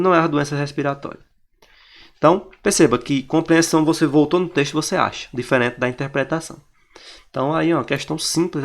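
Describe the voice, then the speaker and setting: A man's voice: mid-range voice, creaky, a bit bright. A man teaching in Portuguese with a Brazilian accent, walking students through exam answers and often pointing things out to the class.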